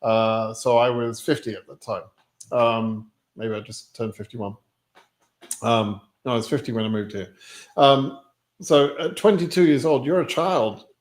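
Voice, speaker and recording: A British man in his sixties answers viewers on a live stream. His voice sits at an ordinary middle pitch. He talks frankly and loosely, with plenty of ums and false starts. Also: unhurried. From United Kingdom. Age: 60s. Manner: rambling, frequent ums and restarts, frank and plainspoken. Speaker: immigration lottery advisor hosting a live stream.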